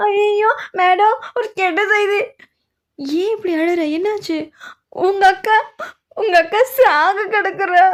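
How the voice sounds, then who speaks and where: A woman voicing an excitable young female servant in a fan dub of a drama, talking shrill, breathless and hurried. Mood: panicked.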